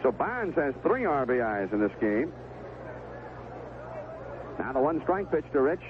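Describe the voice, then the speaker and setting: An American baseball play-by-play man calls a game live on the radio, his mid-range voice a little slow yet very lively and swooping, in short conversational phrases. It sounds like a vintage 1970s AM broadcast: thin, tinny, phone-like, with clear noise behind him.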